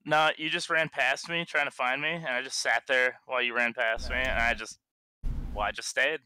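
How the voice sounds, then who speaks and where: A man chatting casually with friends over a voice call while playing a game, playful and quick to laugh. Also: mid-range voice, steady tone, bright, forceful tone, clear, resonant tone, dry recording, rough recording. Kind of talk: casual gaming chat on voice call.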